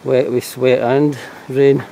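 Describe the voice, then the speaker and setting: A Scottish man talks in a mellow, relaxed voice at a middling pitch. He narrates his walk casually, musing to himself in a low-key way. It is recorded outdoors with faint ambient noise behind him. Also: slow pace, creaky. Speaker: walking vlogger. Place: outdoors on a walking trail.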